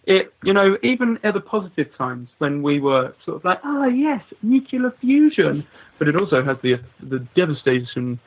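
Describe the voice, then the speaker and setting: Male co-host, high husky voice, crude banter, dull lo-fi sound. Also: animated, a little fast, hardly any pauses. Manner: crude, joking, filler-heavy. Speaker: podcast co-host. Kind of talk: casual comedic chat. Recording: dull lo-fi recording.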